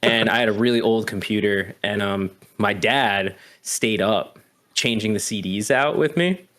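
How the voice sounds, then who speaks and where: A man's voice: fairly low pitch, a little slow, fairly bright tone. A man hosting a gaming podcast, handing the turn to his co-hosts and sharing a memory in an easygoing way. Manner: easygoing, prompts others. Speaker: podcast host. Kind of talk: casual chat.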